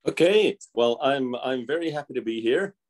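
On a video call from an indoor room, an older man who is a retired math professor introduces himself eagerly through his laptop microphone. His mid-range voice is expressive and a little mellow at a moderate pace, and his enthusiasm comes with many hesitations and fillers.

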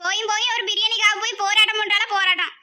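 A woman's voice: extremely high pitch, steady tone, quick pace, pushed and bright, heavily acted. A woman voicing a bossy elder sister who nags and scolds, with a southern Tamil accent. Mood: scolding. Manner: scolding, nagging. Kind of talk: cartoon voice acting.

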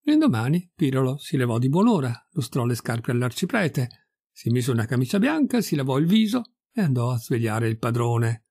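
A man reading a folk fairy tale aloud with expressive storytelling. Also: medium pitch, normal speed, slightly rough, no echo, clean studio sound. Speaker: reader.

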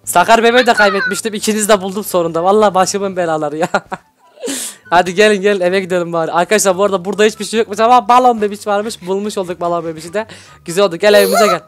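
A man hosting a Minecraft role-play, excitable, scolding and shouting at his characters between laughs. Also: high-pitched, rapid-fire. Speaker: YouTube gaming host.

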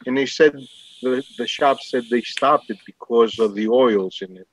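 Middle-aged male, New York accent, casual and halting, dry but dull video-call sound. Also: mid-range voice, no echo. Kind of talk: casual chat.

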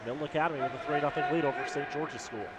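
A man serves as color commentator at an ice hockey game, analysing the play. His voice is on the higher side. Loud rink ambience sits behind it. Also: steady tone, very fast. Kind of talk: live sports analysis. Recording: noisy ice rink broadcast.

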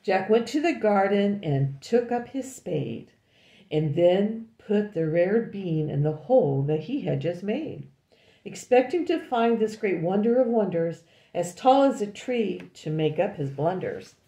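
An older woman reading a picture book aloud to a child, often pausing to comment and ask questions. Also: mid-range voice, expressive, dark tone. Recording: echoey room.

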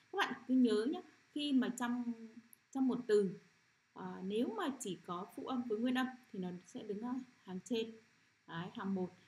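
A middle-aged woman teacher leading a children's phonics lesson, sounding out syllables slowly and often asking if the class has understood. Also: a little high. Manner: repetitive, checks understanding with frequent "được chưa?".

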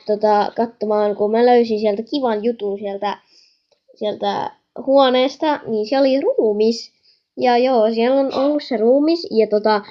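A young woman chatting excitedly while playing a horror game, talking to viewers and scolding her mother in the background. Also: fairly high pitch, muffled recording. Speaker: gaming channel host. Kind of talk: game commentary.

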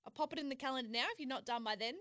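Aussie woman, bright slightly high voice, blunt and supportive, swears, dry mic. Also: rapid-fire, no echo. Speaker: podcast co-host. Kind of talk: casual chat.

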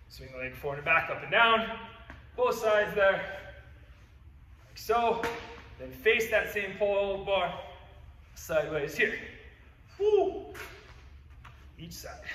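Upbeat male fitness coach, winded from demoing moves, high bright voice, distant mic in an echoey hall. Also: slight background noise. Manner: upbeat, cues moves with "boom". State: out of breath. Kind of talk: workout instruction demo. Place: gym.

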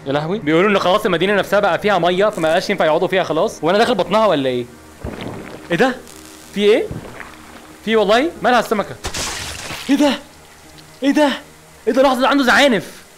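Egyptian guy yelling through a vr horror game, really high voice, talks super fast, faint hiss behind. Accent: Egyptian Arabic. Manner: jumpy, keeps asking what is going on, frightened exclamations. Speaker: gaming video host. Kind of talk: let's play commentary.

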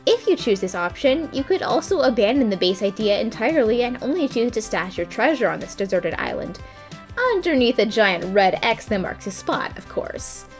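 A woman reads a scripted game tutorial as a voice-over, slipping in dry, playful asides. Her voice sits on the higher side. Quiet background music runs under her narration. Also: very animated, moderate pace. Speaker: gaming video host.

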